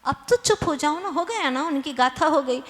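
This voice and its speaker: A woman's voice: sits high, animated, normal speed. A woman voicing a curious neighbor man who keeps coaxing a crying man to explain himself. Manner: coaxing questions. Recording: long hall reverb.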